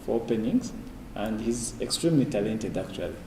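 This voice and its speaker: A man's voice: fairly low pitch, animated, brisk, a little mellow. A man chatting about chess as a commentator, speaking in a thoughtful, tentative way. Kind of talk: casual commentary chat. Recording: echoey hall from afar, faint noise.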